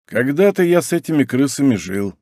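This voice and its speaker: A man voicing a good-natured Czech laborer who softens his consonants and lisps slightly. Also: mid-range voice, very animated, a little fast, no echo, studio quality, natural voice. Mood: earnest.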